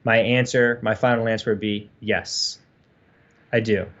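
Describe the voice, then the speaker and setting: A man's voice: on the low side, little pitch movement, measured pace, a bit bright, highs cut off. A man co-hosting a casual livestream chat, rambling earnestly with many fillers. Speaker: co-host.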